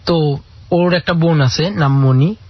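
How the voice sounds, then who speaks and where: A man with a slightly high, husky voice recounts a long personal story on a call-in radio show. He tells it earnestly and acts out the dialogue. The broadcast audio sounds dull and lo-fi. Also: a little slow, no echo. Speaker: caller.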